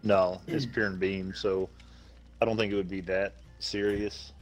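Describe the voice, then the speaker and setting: A man's voice: sits low, level tone, a little slow, soft background music. Laid-back man, slight lisp. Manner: laid-back, swears freely, slight lisp from a new denture. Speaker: gamer chatting with friends. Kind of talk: casual gaming voice chat.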